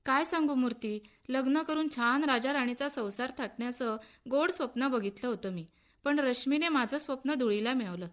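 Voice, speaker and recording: A woman's voice: sits high, fairly bright tone. A woman reading the part of an irritable, egotistic young husband who complains and scolds, in a radio story. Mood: aggrieved. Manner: complaining, quick to anger.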